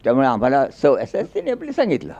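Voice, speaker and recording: A man's voice: mid-range voice, huge pitch swings, fast, creaky, dark tone, muffled recording. A man giving a folksy storytelling speech, acting out dialogue in a rural dialect. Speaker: public speaker.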